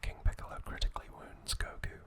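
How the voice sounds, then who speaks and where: A man whispers trivia for ASMR, his voice soft and breathy. He reads deliberately, in short, broken phrases.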